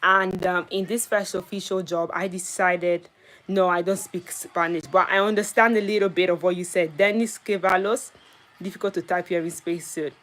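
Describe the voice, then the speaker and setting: A woman's voice: lowish voice, steady tone, normal speed, a bit bright. A young woman from Italy hosting a casual livestream, chatting with viewers and telling a story about her first job. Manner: chatty, greets viewers by name between story bits. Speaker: livestream host.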